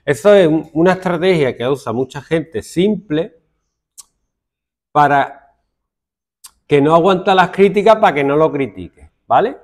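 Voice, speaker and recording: A man's voice: fairly high pitch, measured pace, long pauses. A male secondary school teacher with a Spanish accent from Spain, lecturing his class and mimicking his students' complaints. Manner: lively, lecturing, acts out students' complaints in mocking voices.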